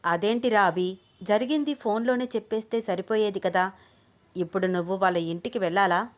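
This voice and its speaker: A woman's voice: mid-range voice, a little fast, natural voice. A woman voicing a blunt young man who advises his friend in a told story. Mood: brisk.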